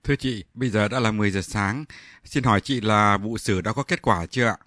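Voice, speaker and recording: A man's voice: fairly low pitch, quick pace, a bit bright. A man hosting a radio show, asking questions in a formal, polite way. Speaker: radio host. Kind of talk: radio phone interview.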